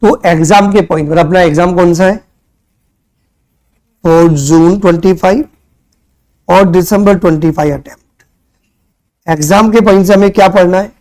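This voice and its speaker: A man's voice: high voice, a little fast, darkish tone. A young man from India giving a classroom lecture, chatty, throwing questions at his students and mixing in English terms. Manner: conversational, quizzes students with rhetorical questions; mixes Hindi with English terms. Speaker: tutor.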